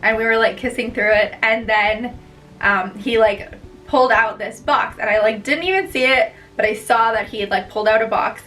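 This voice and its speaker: A woman's voice: fairly high pitch, fairly even intonation, normal speed, fairly bright tone, distant mic, soft background music, poor audio. A young woman vlogger chatting casually as she tells a story, bubbly and gushing, rambling on.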